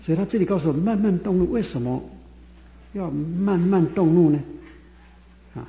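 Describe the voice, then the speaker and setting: Man, preacher, slightly high voice, sermon, roomy echo, faint ambience. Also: moderate pace, dark tone. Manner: folksy Bible teaching with many "ah" fillers. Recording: echoey hall with faint ambience.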